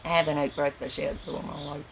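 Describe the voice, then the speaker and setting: A woman with a folksy Appalachian accent from Tennessee chats casually on a livestream. Her voice is gravelly with plenty of fry, and she talks in a plain, rambling, rural way. Faint noise sits behind her on the recording. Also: low-pitched, level tone, quick pace. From Tennessee, United States. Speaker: livestream host.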